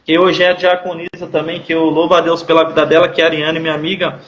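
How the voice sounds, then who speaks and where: A man's voice: a little high, little pitch movement, fast talker, a bit bright, reverberant, dull audio, slight background noise. A man telling an emotional personal testimony as an interview guest, speaking earnestly and repeating himself. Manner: repetitive, earnest storytelling with church slang. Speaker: guest sharing his testimony.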